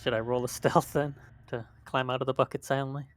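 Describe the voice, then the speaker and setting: A man's voice: mid-range voice, level tone, brisk, no room sound. A man chatting casually as a player in a tabletop game, informal and joking. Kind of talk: casual gaming chat.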